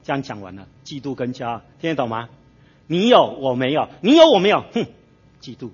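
A man's voice: medium pitch, big pitch swings, a little fast, breathy edge, soft background music. A male pastor preaching a sermon in a church, telling stories and asking the congregation to fill in the blanks. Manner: storytelling with frequent tag particles. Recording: dull lo-fi sermon recording.

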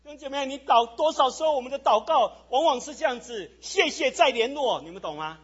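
A male pastor delivers an animated sermon, constantly asking his listeners questions. His voice sits high and a little husky. It comes through a muffled church sound system. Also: fast talker. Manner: animated preaching, asks the congregation questions. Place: church sanctuary.

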